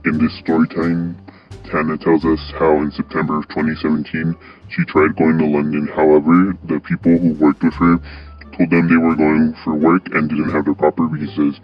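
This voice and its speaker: Very deep, flat-voiced man narrating. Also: moderate pace. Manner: flat, plain reading with small stumbles. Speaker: countdown video host. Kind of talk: read countdown narration. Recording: dull lo-fi voice with music.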